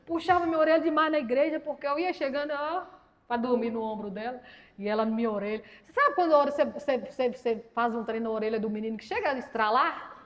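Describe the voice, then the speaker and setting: A high-pitched woman with a Minas Gerais accent preaches to a church congregation. She tells funny stories from her life and acts out everyone's lines in her own lively voice. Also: quick pace. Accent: Minas Gerais Portuguese. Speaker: guest preacher. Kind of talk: humorous testimony sermon. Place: church service.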